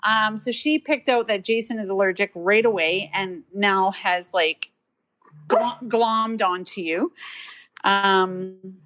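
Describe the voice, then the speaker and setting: A middle-aged woman co-hosting a podcast from home, telling a story in a chatty, animated way. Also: mid-range voice, takes it slowly. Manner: chatty, animated storytelling with playful voices for pets. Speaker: podcast co-host. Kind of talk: casual storytelling chat. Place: at home with dogs nearby. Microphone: home mic on a live audio stream.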